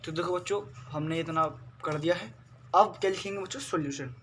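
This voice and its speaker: A man with a fairly high voice teaches a math lesson, asking his students questions and answering them himself. His English terms carry a Hindi accent. A faint background noise runs under the recording. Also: a little fast, fairly bright tone. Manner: patient, repeats questions to students. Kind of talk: classroom lesson.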